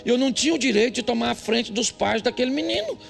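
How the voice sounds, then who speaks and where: An older male pastor with a Brazilian Portuguese accent, preaching a humorous sermon with jokey, emphatic storytelling and sudden high outbursts. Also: lively intonation, fast, vocal fry. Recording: faint music behind.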